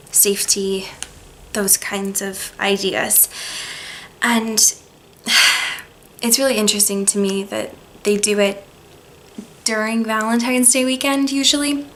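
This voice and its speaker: A young woman talking to camera in a personal, reflective vlog, hesitant and soft-spoken, with pauses and restarts. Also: medium pitch, steady tone, a little hiss or hum, poor audio. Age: young adult. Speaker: vlogger.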